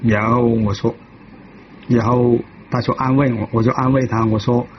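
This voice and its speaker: A man giving a personal testimony in a halting way, often restarting and repeating himself. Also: medium pitch, level tone, lo-fi sound, slight background noise. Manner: halting, with many restarts and repetitions. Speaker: devotee telling his life story.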